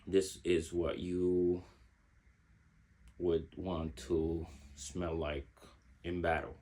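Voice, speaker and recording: Male reviewer, low-pitched and slightly husky, talking things through slowly. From Egypt. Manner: reflective, searching for words. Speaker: fragrance reviewer. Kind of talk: casual product review.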